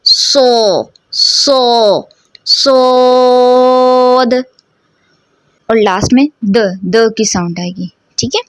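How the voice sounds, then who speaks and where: A woman's voice: on the high side, no room sound. A woman teaching Quran letter pronunciation. She explains step by step, asks her students questions and draws out each model sound for them to repeat. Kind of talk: slow, careful pronunciation lesson.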